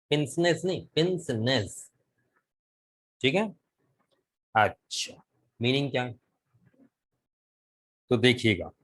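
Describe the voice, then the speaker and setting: A man's voice: mid-range voice, fairly bright tone, rough recording. A male teacher with a Pakistani Urdu accent giving an online vocabulary lesson over a video call, explaining step by step and asking his students questions. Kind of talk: online class lecture.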